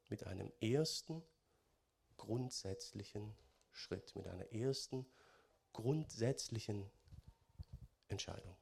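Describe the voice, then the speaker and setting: A man giving a sermon in German, chatty and conversational, often adding "ne?" and swinging between loud stressed phrases and quiet musing. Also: on the low side, breathy edge. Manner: conversational, keeps adding "ne?" tags. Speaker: preacher.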